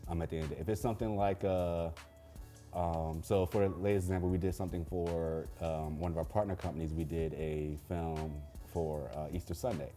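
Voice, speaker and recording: In an easygoing Q&A chat, a young Baltimore, Maryland, director of films and music videos replies in a laid-back manner, pausing often and using plenty of fillers. He speaks in a low voice.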